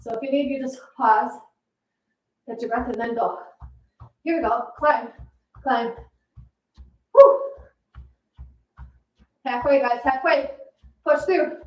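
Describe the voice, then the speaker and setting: A woman with a high voice coaches a circuit workout in classic aerobics instructor style. She gives short commands, counts and steady encouragement. The sound is roomy and echoing, with the mic some way off from her. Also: normal speed, pauses often, highs cut off. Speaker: fitness instructor. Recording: echoey room, distant mic.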